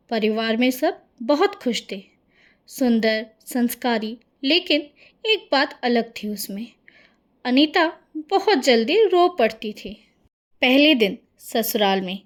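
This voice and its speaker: A woman narrating a cartoon story in a friendly storytelling manner. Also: on the high side.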